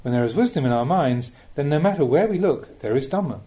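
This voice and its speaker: A man with a medium-pitched, expressive, dark-toned voice narrates spiritual teachings for an audiobook. He reads in a measured, instructive style and leans on emphatic phrasing.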